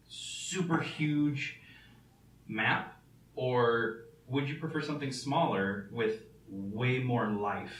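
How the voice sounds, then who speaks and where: A man co-hosting a casual gaming podcast, with a tinny tin-can sound as if from two rooms away, talking in a relaxed, drawn-out way. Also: medium pitch. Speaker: podcast co-host. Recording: echoey distant mic with faint background noise.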